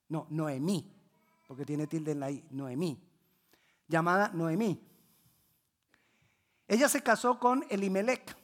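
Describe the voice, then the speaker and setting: A Bible class teacher retelling a scripture story, repeating phrases for emphasis, correcting slips mid-sentence and quizzing the class. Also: mid-range voice. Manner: repetitive, emphatic teaching, asks the class questions.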